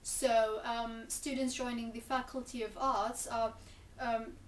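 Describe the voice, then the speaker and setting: A young woman answers interview questions in a fairly high voice, pausing on ums and restarting her sentences as she thinks. She sounds set back from the mic in a reverberant room, with faint ambience underneath. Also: flat delivery, recorded from a distance, slight background noise. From Gaza Strip, Palestine. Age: 20s. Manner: thoughtful, hesitant with frequent ums and restarts. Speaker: interviewee, English teacher and graduate student.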